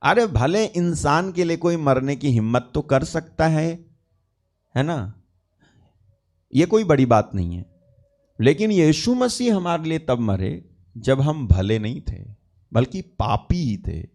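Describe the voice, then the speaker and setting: A man's voice: on the high side, big pitch swings, slow pace, long pauses, a little mellow. A man preaching a sermon, reading scripture and then explaining it. He repeats key phrases for emphasis and speaks to his listeners as brother and sister.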